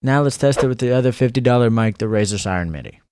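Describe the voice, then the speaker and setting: A man giving a relaxed, step-by-step review of a streaming microphone at his desk, speaking about three inches from a dynamic mic. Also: medium pitch, fast, a little hiss or hum. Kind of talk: casual product review. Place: desk streaming setup, indoors. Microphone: studio dynamic mic about three inches away.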